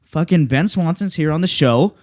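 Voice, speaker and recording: A man's voice: a little high, normal speed, darkish tone. Casual, profane young man hosting a podcast. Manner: loose and profane, lots of fillers. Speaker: podcast host.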